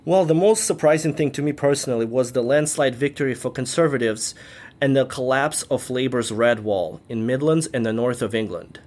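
A man co-hosting a podcast, reading prepared political analysis in an even way. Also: medium pitch, normal speed. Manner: reads prepared points evenly. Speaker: podcast co-host. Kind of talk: scripted news analysis.

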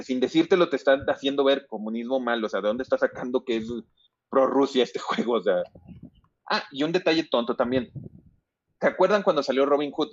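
Chatting casually about video games, a Mexican-accented man with a mid-range voice rambles on and curses without restraint. The recording is muffled.

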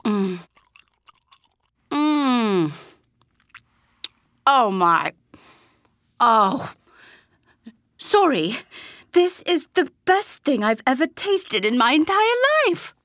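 A woman's voice: fairly high pitch, sing-song, very slow, long pauses, a bit bright, dry recording, studio quality, heavily acted. An actress playing a prim, dramatic female palace etiquette tutor who gives instructions theatrically. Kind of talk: audio drama acting.

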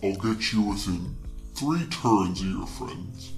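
A man voicing a big, dopey, stubborn creature bargaining in a tabletop game, in a deep cartoon voice. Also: slow pace, vocal fry, faint music behind, exaggerated voice. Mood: deadpan haggling. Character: big wide Boggle creature in an ice wall, stubborn bargainer. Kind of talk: tabletop role-play.

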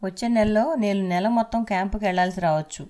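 A man's voice: sits high, fairly even intonation, fast, close to an everyday voice. A woman reading a bossy, boastful young husband. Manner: loud, bossy.

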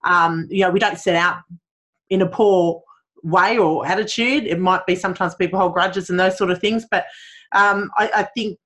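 A man's voice: high voice, steady tone, moderate pace, sharp tone. A man co-hosting a podcast, talking hesitantly with many restarts. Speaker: podcast co-host. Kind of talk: casual podcast chat.

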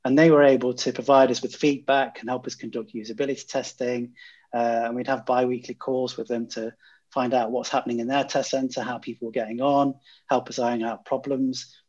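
A man's voice: mid-range voice, flat delivery, a little fast, darkish tone. A man guest, a design consultant, telling a project story in a conversational way, with many "uh" fillers and restarts. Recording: dull lo-fi audio.

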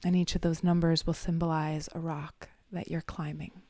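A woman guiding a visualization meditation in a soft, half-whispered, soothing voice with long pauses. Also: low voice, flat delivery, no room sound. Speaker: meditation guide.

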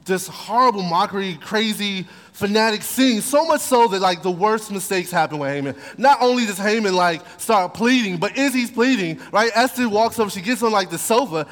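A male pastor preaching a sermon, retelling a story in an animated way and slipping into the characters' voices. His speaking voice sits high for a man. A long hall reverb trails each phrase. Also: moderate pace, hardly any pauses.

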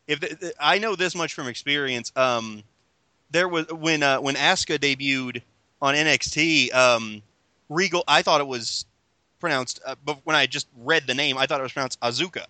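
Male podcast host, very bright forceful voice, slightly high, hesitant and chatty, dry close sound. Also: normal speed, no room sound. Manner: chatty, hesitant, many fillers and restarts. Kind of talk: casual chat.

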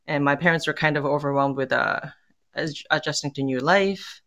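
A woman born in Korea, a tango musician, talking in a casual interview, thoughtful and pausing often with fillers and restarts. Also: sits low, fairly bright tone.

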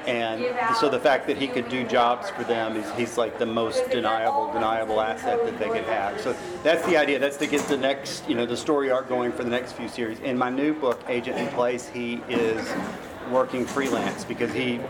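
Over a loud crowd and a clearly noisy background, an American man interviewed as a novelist explains his work in a loose, rambling way. His voice is mid-range and steady, at a moderate pace.

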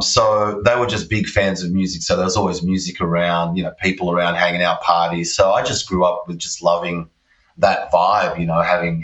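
A man's voice: deep voice, fairly bright tone. An Australian man, a guitarist and interview guest, telling stories in a rambling, laid-back way with lots of fillers. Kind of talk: casual storytelling interview. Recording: roomy, distant, dull-sounding audio.

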